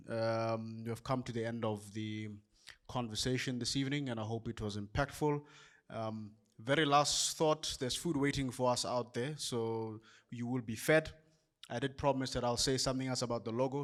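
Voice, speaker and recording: A South African man hosts and closes an evening event. He speaks in a measured, explanatory way at an ordinary pitch and walks the audience through his points. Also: fairly even intonation. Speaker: event host. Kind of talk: closing remarks at an event.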